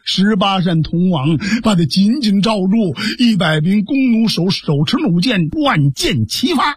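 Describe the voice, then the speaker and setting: Sly fawning male informant, as a male storyteller puts him on, husky, close dry sound. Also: high voice, expressive, a little slow, no echo, heavily acted. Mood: fawning report.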